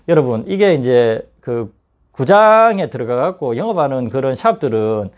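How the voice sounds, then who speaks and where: A middle-aged man with a Gyeongsang accent tells his story to viewers, his voice sitting a little high and swinging widely in pitch. He moves between louder outbursts and quiet, muttered asides. The sound is dull and lo-fi. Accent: Gyeongsang Korean. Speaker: badminton shop owner.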